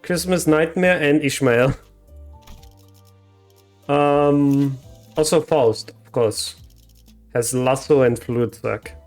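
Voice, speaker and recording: A man's voice: medium pitch, slow pace, pauses often, a little mellow, soft background music. Brief: a laid-back man streaming a game, mid-range voice, chatty and profane. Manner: casual, swears, reads lines aloud. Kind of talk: live game playthrough with read-aloud translation.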